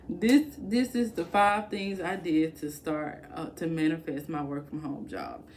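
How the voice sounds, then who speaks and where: A woman vlogger speaks straight to her viewers in a slightly low voice, punching her points with blunt, colloquial emphasis. She sounds candid and a little preachy as she lays out advice. A faint room ambience sits behind her. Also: animated, measured pace, slight background noise. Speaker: work-from-home advice vlogger. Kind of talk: casual direct-to-camera advice.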